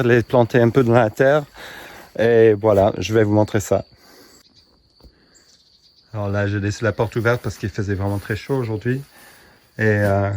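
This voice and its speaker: A man with a fairly low voice hosts a casual garden vlog. He is a non-native speaker whose French is slightly broken, and he pauses to search for words as he shows viewers around. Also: darkish tone. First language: not French. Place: outdoors in a garden and in a greenhouse.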